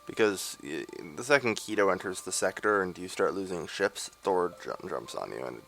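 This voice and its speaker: Young man, low gravelly voice, casual sarcastic game commentary, faint music under. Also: expressive, moderate pace, a bit bright, slight background noise. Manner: rambling, sarcastic, many fillers. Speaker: let's play host.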